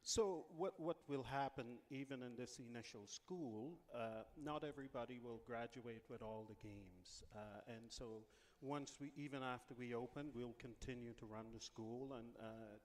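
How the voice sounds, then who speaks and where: A man from the Bahamas talks through interview questions at an unhurried pace, filling gaps with frequent pauses. His voice sits in a middle range and carries a long, hall-like reverb. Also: mid-range voice. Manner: relaxed, many "uh" pauses. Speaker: casino executive guest. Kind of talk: interview answers.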